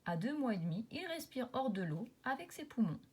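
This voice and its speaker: Une femme lit un livre documentaire sur la nature pour enfants, comme une conteuse expressive qui souligne certains mots avec emphase. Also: female voice, a little high, fairly quick, husky. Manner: storytelling, dramatic emphasis on repeated words and sound words. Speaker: reader of a children's nature book. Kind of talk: expressive nature documentary narration, read aloud for children.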